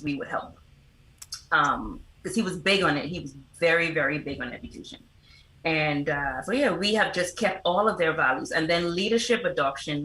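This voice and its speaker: A middle-aged woman from the Bahamas appears as an interview guest, representing a foundation and working as a motivational speaker. Her low-pitched, sharp-toned voice gives earnest, explanatory answers. The sound is roomy and echoing.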